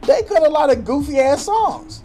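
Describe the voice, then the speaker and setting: A man co-hosting a casual podcast chat, animated and profane, laughing often. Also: extremely high pitch, normal speed, soft background music. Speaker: podcast co-host.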